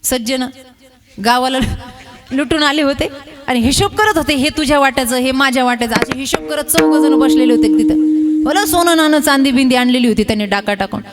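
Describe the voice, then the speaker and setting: A woman preacher giving a devotional kirtan sermon, telling a folk story in a folksy, lively way with humorous asides to the listeners. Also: high voice, normal speed.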